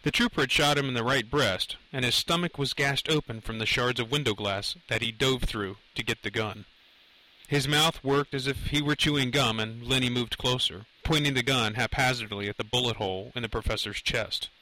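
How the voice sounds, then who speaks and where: Bright, tense male thriller narrator. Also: medium pitch, moderate pace, low-quality recording. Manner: tense, dramatic reading with sudden rises.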